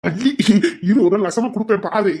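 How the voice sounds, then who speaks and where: A man's voice: sits high, a little mellow, slightly rough. A man playing a cheeky young village man, who whines and protests his excuses. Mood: protesting. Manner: whining, protesting, rapid excuses.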